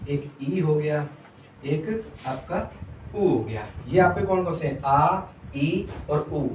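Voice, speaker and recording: A man with a fairly high voice teaches a class, asking his students questions and then answering them himself. He keeps checking in after each point. He is heard from a distance in an echoey room, with a faint hum underneath. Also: darkish tone. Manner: uses "theek hai" constantly as a check-in. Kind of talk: classroom lesson on Hindi vowels.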